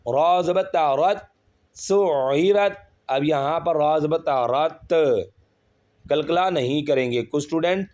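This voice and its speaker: A male Quran reading teacher with a slightly raised pitch. He works through each letter and vowel mark aloud, one syllable at a time, then blends them into the whole word. Between the drills he explains the pronunciation rules patiently, in a plain lesson style. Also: a little mellow. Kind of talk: slow step-by-step recitation lesson.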